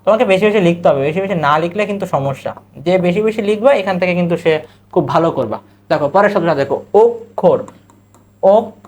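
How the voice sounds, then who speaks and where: In a recorded exam-prep class, a male teacher speaks with a Bangladeshi Bengali accent in a high, slightly mellow voice with lively intonation. He drills pronunciation by asking, repeating the answer, and drawing out model words one syllable at a time.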